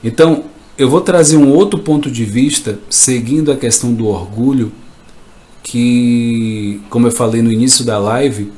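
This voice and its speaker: A man giving a live motivational talk as a coach, emphatic and repetitive, sometimes acting out shouts. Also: medium pitch, normal speed. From Brazil.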